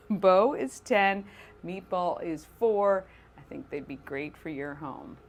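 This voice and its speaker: A woman's voice: fairly low pitch, animated, slow pace. A woman hosting a local morning show, talking in an upbeat, chatty way. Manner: upbeat, chatty, coos at animals. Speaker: host. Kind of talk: morning show host segment.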